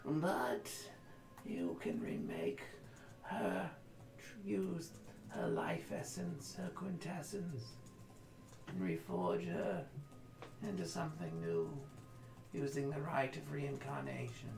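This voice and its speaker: A woman's voice: low voice, sing-song, gravelly, voice pushed up, heavily acted. Woman doing a creepy whispering fae oracle, whispered role-play. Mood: ominous. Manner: slow, eerie, whispery. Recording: roomy with background noise.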